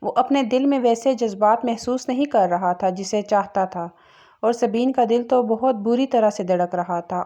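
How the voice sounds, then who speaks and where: A woman reads a romance novel aloud in a steady, emotive storytelling manner. Her pitch sits in the middle of the range. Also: highs cut off. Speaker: audiobook narrator. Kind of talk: scripted novel narration.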